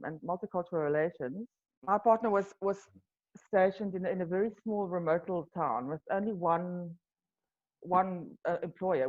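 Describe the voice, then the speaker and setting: Guesting on an interview, a South African woman who founded a wine tour company answers questions in a hesitant, casual way full of ums and restarts. Her voice is lowish and a little mellow, with dull audio. She is a native Afrikaans speaker with a South African accent.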